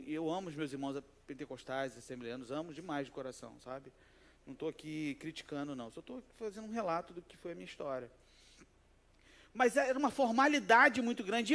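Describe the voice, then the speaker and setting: A man with a Rio de Janeiro accent, preaching a casual, conversational sermon in church, telling personal stories and playfully acting out the voices in them. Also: high voice. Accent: Rio de Janeiro Portuguese. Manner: animated storytelling, acts out quoted voices, jokes with the congregation. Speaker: pastor. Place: church sanctuary.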